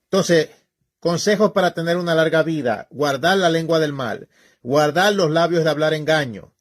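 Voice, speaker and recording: A man preaching in a colloquial, emphatic way, scolding his listeners directly and pressing each point with repetition. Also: on the high side. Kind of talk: informal preaching talk.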